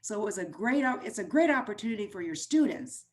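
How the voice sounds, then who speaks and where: A woman's voice: medium pitch, big pitch swings, a little fast, darkish tone. Guest voice-over coach, woman, easygoing and loose, talking over a video call. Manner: easygoing, loose trailing phrases. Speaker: voice-over artist and teacher, guest. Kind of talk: casual interview chat.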